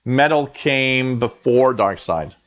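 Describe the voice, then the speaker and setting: A chatty Canadian man in his forties hosts a live radio show, reading the chat and rambling with lots of ums and restarts. His medium-pitched voice has lively intonation and a slow pace, and the audio is a bit dull and lo-fi.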